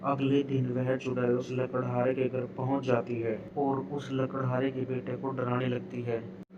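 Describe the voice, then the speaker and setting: A man's voice: mid-range voice, flat delivery, unhurried, muffled recording, crowd noise. A man reading scripted narration for a cartoon story as its narrator, with noise behind the voice. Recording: noticeable background noise.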